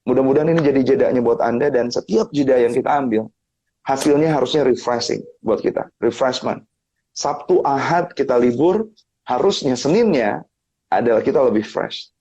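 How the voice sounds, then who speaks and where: Husky man telling lively stories. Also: moderate pace, highs cut off. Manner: animated storytelling, acting out others' lines with big pitch jumps. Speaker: guest speaker on family topics. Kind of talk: casual motivational talk on a live stream. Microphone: live-stream mic.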